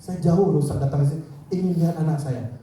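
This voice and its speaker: A man voicing a heartbroken father begging to see his child, with a soft, pleading voice, in an echoey hall far from the mic. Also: on the high side, fast talker, slight background noise, pitched below the performer's own voice, close to an everyday voice.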